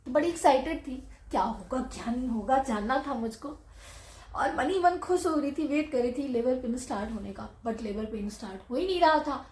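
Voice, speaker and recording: A woman's voice: sits high, expressive, fairly quick, a little mellow, echoey room, a little hiss or hum. A young woman vlogger telling a personal story in a casual, chatty way, with many asides.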